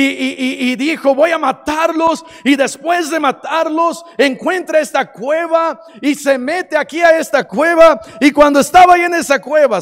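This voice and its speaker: A man preaching a sermon, swinging from hushed asides to shouting. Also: very high voice. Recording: long hall reverb.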